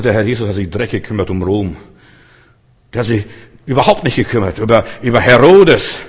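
Husky male preacher in echoing hall. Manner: emphatic, swings between loud outbursts and soft low passages; addresses listeners directly, often with rhetorical questions. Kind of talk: sermon. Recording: long hall reverb.

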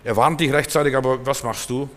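A man's voice: medium pitch, steady tone, brisk. Emphatic male preacher in a hall. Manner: emphatic, swinging between loud and soft. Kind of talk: sermon. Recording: long hall reverb.

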